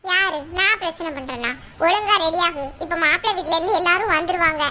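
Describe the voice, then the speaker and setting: A woman voicing a gentle older sister in a cartoon, soft and pleading. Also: very high voice, a little fast, a little hiss or hum. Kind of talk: cartoon voice acting.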